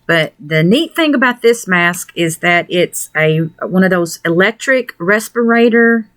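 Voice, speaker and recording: A woman's voice: on the low side, lively intonation, unhurried, fairly bright tone, no echo. A woman chatting casually to camera in a product review vlog, rambling with lots of fillers while wearing a face mask. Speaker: vlogger. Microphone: camera mic, wearing a fan respirator mask.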